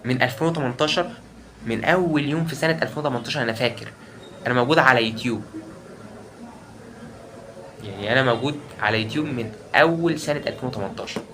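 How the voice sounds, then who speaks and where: A man's voice: mid-range voice, fast talker, long pauses, fairly bright tone, a little hiss or hum. A young man with an Egyptian Arabic accent, talking straight to his viewers in an emotional, repetitive vlog rant. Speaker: YouTuber. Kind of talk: ranting vlog monologue.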